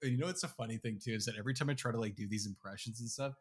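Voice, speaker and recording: A man's voice: mid-range voice, racing, husky. A man co-hosting a podcast, rambling in casual chat with lots of fillers.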